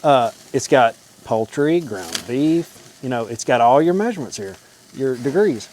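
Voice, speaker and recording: A man's voice: mid-range voice, sing-song, a little slow, darkish tone. A man hosting a home cooking vlog, talking to the camera in a casual, folksy, informal way as he cooks. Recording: clear sizzling and frying noise. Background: food sizzling on a grill.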